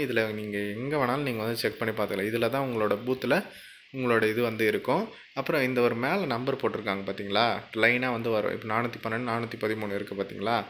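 There's a little hiss or hum under this man's medium-pitched, somewhat bright voice. He hosts a tutorial channel, chatting casually through a screen recording, explaining each step and frequently asking "okay?"

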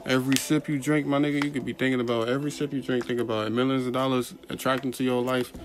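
A man talks in a loose, slangy monologue, rambling and cursing freely. His pitch sits mid-range, and music plays clearly underneath. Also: fast talker. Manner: profane, slangy, rambling, gets animated. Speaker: motivational vlogger. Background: music playing in the background.

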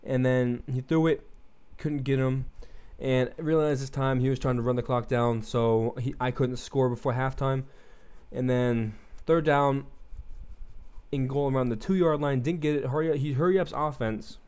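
A man's voice: medium pitch, steady tone, moderate pace, a little mellow, smooth. A young man rambling through casual gameplay commentary, loose and profane, filling gaps with likes and ums, his throat a little froggy. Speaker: gaming commentator.

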